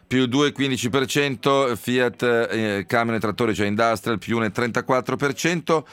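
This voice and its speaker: A male radio host running a live economics show, reeling off stock market figures briskly with frequent fillers, in a studio. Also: medium pitch, a bit bright, clear, resonant tone, dry recording. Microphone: studio mic.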